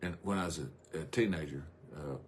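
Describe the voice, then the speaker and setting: Man, very low voice, rambling sermon, drawn-out emphasis. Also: slight background noise. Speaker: preacher. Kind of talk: sermon on a live stream.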